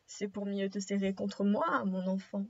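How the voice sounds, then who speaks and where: A woman voicing the big bad wolf in a children's storybook, putting on a low, quavering, false granny voice. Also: a little slow, darkish tone, dry recording, dull audio. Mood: falsely sweet. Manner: low put-on voice, quavering, booming at the end. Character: big bad male wolf disguised as grandmother.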